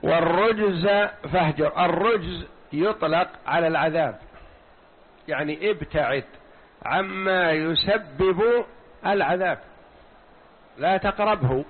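An older man giving a slow, deliberate religious lecture, repeating and explaining words one at a time. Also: fairly high pitch, husky. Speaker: Quran commentary teacher. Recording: tinny phone-like recording.

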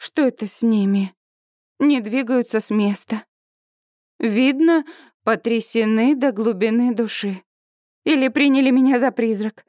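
Bright, dry-voiced woman reading an audiobook. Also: a little high, unhurried, pauses often, dry recording. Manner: lively, expressive reading. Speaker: audiobook narrator. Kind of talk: first-person audiobook narration.

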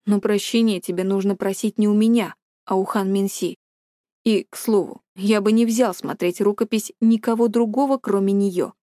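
A woman's voice: medium pitch, moderate pace, warm tone, no room sound, clean studio sound, lightly acted. A woman doing a stern, cold male director. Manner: cold, commanding.

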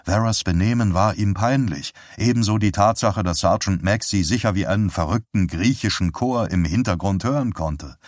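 A man narrating an audiobook in a steady, even storytelling manner. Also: on the low side, normal speed, few pauses, no echo, studio quality. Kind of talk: scripted narration.

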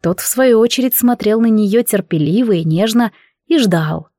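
A woman reading a novel aloud as an audiobook narrator, in an even, measured way. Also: mid-range voice, no echo, clean studio sound. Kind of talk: scripted narration.

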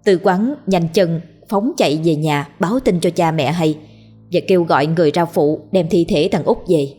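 A woman reading a ghost story aloud in a steady, measured narration. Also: on the low side, husky, faint music behind.

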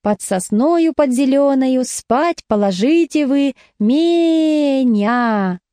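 A woman reader voicing a dim-witted girl soloist who sings in a squeaky, drawn-out whine. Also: animated, mellow, no echo, clean studio sound, exaggerated voice. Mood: whining.

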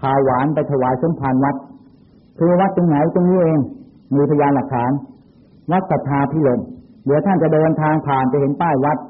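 A man's voice: a little high, fairly quick, husky. An older man from Thailand, a Buddhist monk, giving a sermon by retelling childhood stories in a folksy, anecdotal way, heard over a tinny phone-like recording. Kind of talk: sermon with personal storytelling.

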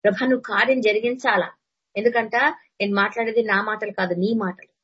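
A woman preaches earnestly, hammering home her points by repeating phrases. Her voice is deeply husky and breathy. The sound is dull and lo-fi, like an older radio broadcast. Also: fairly even intonation, brisk. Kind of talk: sermon.

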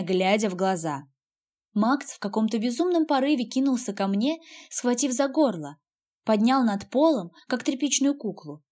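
A woman's voice: fairly high pitch, dark tone. A woman narrating a first-person audiobook in a tense, fearful storytelling manner.

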